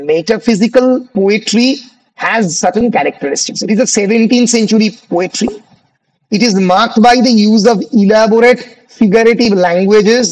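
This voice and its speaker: Slow-dictating Bengali-accented male teacher. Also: sits high, rough recording. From India. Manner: mixes Bengali with slow dictated English phrases. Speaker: college English teacher. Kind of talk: online class lecture, dictating questions.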